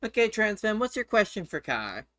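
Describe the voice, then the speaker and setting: A man hosting a casual live-stream interview, relaxed and blunt with some joking. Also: high voice, normal speed, no room sound, studio quality. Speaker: host.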